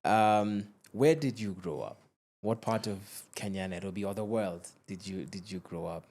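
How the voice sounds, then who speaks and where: A man with a fairly low voice hosts a casual podcast interview. He asks curious, open questions and nudges his guest on with short acknowledgements. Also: normal speed, a little mellow. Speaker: podcast host.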